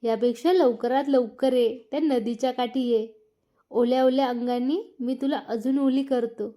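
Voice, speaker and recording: A woman's voice: sits high, steady tone, normal speed, warm tone, lightly acted. A woman voicing a young husband who teases, then pleads and scolds, read as a storybook. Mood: teasing. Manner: playful teasing, later scolding. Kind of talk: storybook narration.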